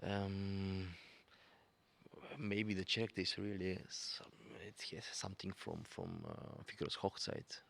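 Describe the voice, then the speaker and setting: Deep, gravelly-voiced male pianist. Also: huge pitch swings, unhurried, a bit bright. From Bulgaria. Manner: searching for words, many fillers. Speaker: guest pianist. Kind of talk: conversational interview.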